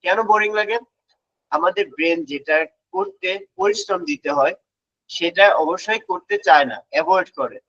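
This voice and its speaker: A man's voice: high voice, huge pitch swings, moderate pace, creaky, bright, forceful tone, a little hiss or hum. A man teaching phonics to parents in an online class, sounding out letters and slipping English phrases into his Bengali. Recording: dull, lo-fi sound.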